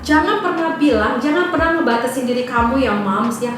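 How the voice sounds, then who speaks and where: A woman guest, a mom influencer, giving lively, emphatic advice in a casual interview chat. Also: sits high, brisk. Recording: echoey room with music behind.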